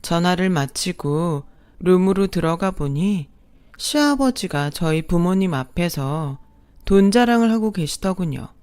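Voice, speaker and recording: A woman telling a radio-drama story in scripted narration, in an even, plain manner, with faint music behind. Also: lowish voice, smooth, dry recording.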